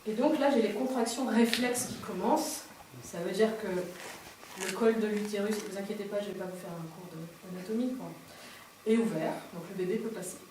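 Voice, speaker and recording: A woman performing a storytelling stage monologue, lively and self-mocking, acting out sounds and cries. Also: medium pitch, brisk, noisy background. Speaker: performer of a political stage lecture. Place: theatre stage before an audience. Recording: distant, echoey stage recording.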